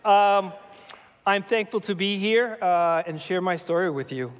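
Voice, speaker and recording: A man in his forties from El Salvador, sharing a personal testimony with his church family in a reflective, measured way with frequent fillers. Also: high voice, fairly even intonation, clear, resonant tone, long reverb tail.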